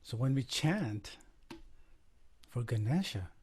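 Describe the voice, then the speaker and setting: A man from Nepal, softly guiding listeners into a devotional chant, often trailing off to a near whisper. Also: mid-range voice, expressive, slightly rough. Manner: soft-spoken, halting, drops to near whisper. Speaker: musician leading a chant. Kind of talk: guided devotional chant session. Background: faint percussion music.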